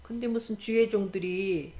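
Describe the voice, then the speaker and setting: Middle-aged woman preacher, emphatic, keeps prodding the congregation, mid pitch, roomy echo. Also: moderate pace, warm tone. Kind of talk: sermon. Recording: echoey room.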